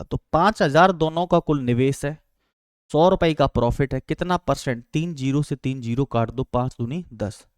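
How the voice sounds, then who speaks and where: A man's voice: fairly high pitch, darkish tone, no echo, studio quality. A man teaching exam-prep maths, calling his students beta and friends and asking and answering his own questions.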